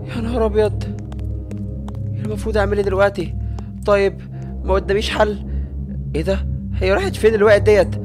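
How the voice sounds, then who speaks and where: Fast-talking Egyptian gamer man. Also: high-pitched. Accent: Egyptian Arabic. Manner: jumpy, excitable, talks to his viewers. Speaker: gaming YouTuber. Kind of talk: let's-play commentary. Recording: game music in the background.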